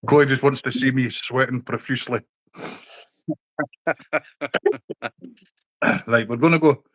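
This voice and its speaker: A man's voice: medium pitch, slow pace. A man hosting a casual stream, talking bluntly with plenty of swearing. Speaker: host. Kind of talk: casual chat on a livestream.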